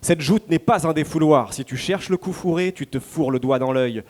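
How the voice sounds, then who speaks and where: A man's voice: a little high, normal speed, close to an everyday voice. A man performing a haughty rival poet who answers in sing-song theatrical verse on stage.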